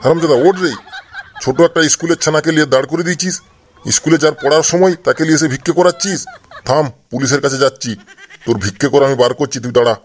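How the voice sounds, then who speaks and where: A man's voice: a little high, fast, lightly acted. A man doing a grumpy swearing old man. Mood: angry. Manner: scolding, swearing. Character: grumpy old man passerby, foul-mouthed.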